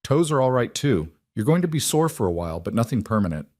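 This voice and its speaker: A man playing a rough, gruff frontier farmer in a storybook narration, speaking earnestly. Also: mid-range voice, big pitch swings, fast talker, darkish tone, no echo, clean studio sound. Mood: gentle.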